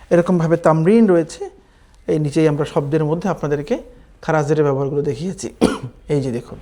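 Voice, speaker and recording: A man from Bangladesh teaching Quran reading in a recorded online class, slowly drawing out practice syllables and often checking in with his students. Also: a little high, a little mellow. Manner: slow drawn-out recitation drills, then brisk explaining with "কেমন?" checks.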